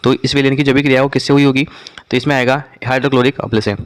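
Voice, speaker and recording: A man's voice: mid-range voice, little pitch movement, racing, clean tone. A man teaching an exam revision lesson, reading out questions and drilling the answers by asking them again and repeating them. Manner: quizzes listeners and repeats answers.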